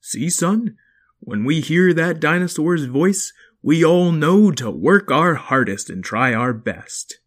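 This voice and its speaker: A man voicing a gruff but kindly, hardworking dinosaur father in a children's story, speaking in a folksy, firm and encouraging way. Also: on the high side, expressive, slow pace.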